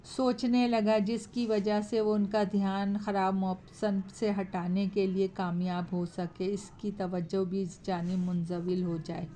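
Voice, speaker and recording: Female horror-story narrator, flat steady read, faint hiss in the recording. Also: mid-range voice.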